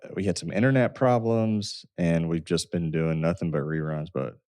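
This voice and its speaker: A man's voice: low-pitched, steady tone, normal speed, a little mellow, no room sound, clean studio sound. A man, a financial advisor co-hosting a radio talk show, chatting loosely with fillers and restarts.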